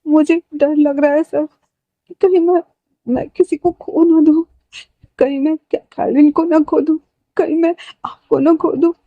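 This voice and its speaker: A frightened young woman doctor sobs and begs, her voice pitched high and breaking as she pleads, as a woman storyteller puts her on. The sound is close and dry, with no room around it. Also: fairly even intonation, a little slow, no room sound, narrow, tinny audio. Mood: pleading, sobbing. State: crying.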